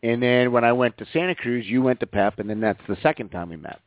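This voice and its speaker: A man's voice: mid-range voice, fast talker, dry recording. A man in his forties, a radio co-host, chatting casually and joking about his college years. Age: 40s. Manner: joking, laughs easily. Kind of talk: casual sports talk. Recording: dry phone-line sound.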